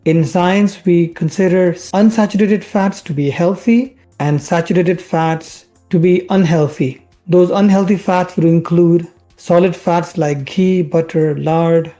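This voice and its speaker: An Indian family physician who presents health videos explains research like a scripted science show host, using rhetorical questions and stressing key words. His voice is medium in pitch, steady and warm, at a measured pace, with soft music in the background.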